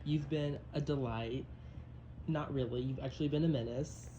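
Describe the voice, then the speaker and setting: A man's voice: medium pitch, fairly even intonation, moderate pace, mellow, muffled recording, a little hiss or hum. A man hosting a podcast in casual chat, snarky and teasing toward his guest. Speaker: podcast host.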